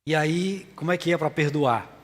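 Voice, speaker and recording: A Brazilian man, a church elder, preaching a sermon in an earnest, halting way with frequent filler pauses. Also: on the high side. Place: church sanctuary. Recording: long reverb of a church hall.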